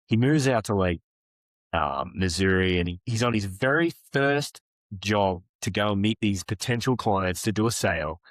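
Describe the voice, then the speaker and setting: A man's voice: fairly low pitch, normal speed, no echo. A man, a guest on a podcast, telling a story in casual chat and acting out the people in it. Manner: animated storyteller who acts out dialogue.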